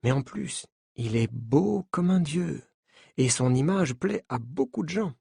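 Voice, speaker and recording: A dynamic young woman journalist gently mocks her colleague, speaking slowly and clearly. A man reads her lines in his own voice for a French learners' story. The recording is dry and close. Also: a little high, lively intonation, no room sound, exaggerated voice. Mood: teasing. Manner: teasing, matter-of-fact. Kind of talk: slow French-lesson story reading.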